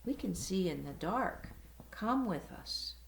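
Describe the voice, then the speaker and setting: A woman reading aloud and voicing a gentle, loving mother bat with a tender, soothing manner, in a roomy space. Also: medium pitch, sing-song, slow, vocal fry, exaggerated voice. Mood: reassuring. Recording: roomy echo.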